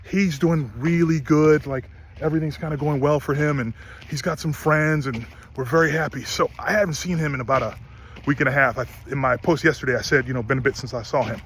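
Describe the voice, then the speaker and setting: A middle-aged horse owner retells a story about his horse in a casual vlog, sounding earnest and emphatic and often restarting his sentences. His voice is a little high and bright, his pace slightly fast, with faint background noise.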